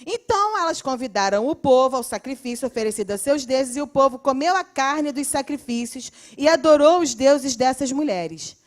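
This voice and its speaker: A woman with a Brazilian Portuguese accent teaches a Bible class. Her voice sits high, and she talks in a lively, expressive way. She often acts out quoted speech and laughs along the way. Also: moderate pace, few pauses. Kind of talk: animated Bible class lesson.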